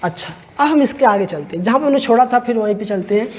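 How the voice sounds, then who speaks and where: A man teaching a chemistry lecture to students. He asks rhetorical questions, answers them himself, and drags out key terms slowly. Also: sits high, animated, a little hiss or hum. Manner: calls listeners 'bhaiya'. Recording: long hall reverb.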